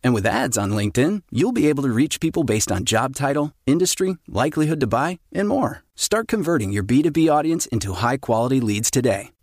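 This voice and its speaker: A man reads a promotional ad with a lively, up-and-down delivery in a dry, close sound. His tone stays smooth and salesy throughout. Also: medium pitch, dry recording. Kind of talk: scripted ad read.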